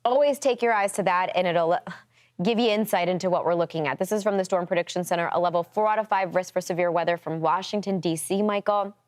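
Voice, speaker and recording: A woman's voice: lowish voice, fast talker. A woman presenting live TV weather in a chatty, informal way, thinking aloud. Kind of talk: live weather commentary, conversational.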